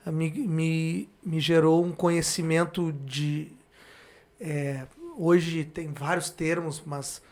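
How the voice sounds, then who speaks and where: A male podcast guest with a fairly high voice for a man. He has a southern Brazilian, Porto Alegre accent. He chats casually and haltingly, circling back to reword things. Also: little pitch movement, darkish tone. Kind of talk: casual chat.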